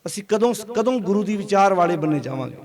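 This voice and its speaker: A man's voice: high voice, expressive, fast, a crowd in the background. A man giving a Sikh sermon to a congregation and often asking them to answer aloud. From Punjab. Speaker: Sikh preacher. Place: gathering before a congregation.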